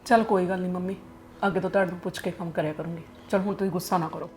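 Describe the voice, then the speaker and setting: A woman playing a fast-talking, soothing daughter-in-law. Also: on the low side, steady tone, darkish tone, soft background music, natural voice. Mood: coaxing. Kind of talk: family drama acting.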